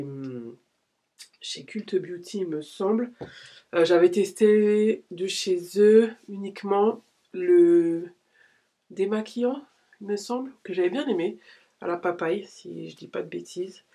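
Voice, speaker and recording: A woman's voice: fairly low pitch, unhurried, warm tone. Chatty woman in her late thirties. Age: late 30s. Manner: chatty and rambling, with casual slang. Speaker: beauty vlogger. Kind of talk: casual vlog chat. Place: home, filmed in natural daylight.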